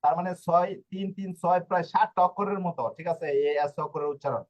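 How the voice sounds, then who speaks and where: A man's voice: high-pitched, quick pace, poor audio. A man teaching a language lesson, going over each letter again and again and often stopping to check that students follow. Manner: repetitive, stops to ask "ঠিক আছে?". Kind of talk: teaching Italian letters to Bengali speakers.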